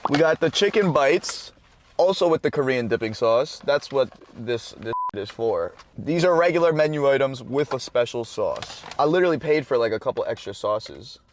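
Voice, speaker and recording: Blunt, joking man reviewing fast food. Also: medium pitch, expressive, noisy background. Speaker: mukbang vlogger. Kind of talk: casual food-review chat.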